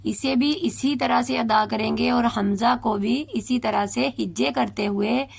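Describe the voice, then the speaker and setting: A woman teacher leads a beginner Tajweed lesson, spelling out each syllable with patient, drawn-out care. Her voice sits fairly high and carries a gravelly, fry-laden edge. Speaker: Quran reading teacher.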